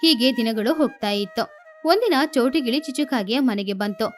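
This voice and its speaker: A woman narrating a cartoon story for children in a steady storytelling manner. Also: a little high, normal speed, soft background music.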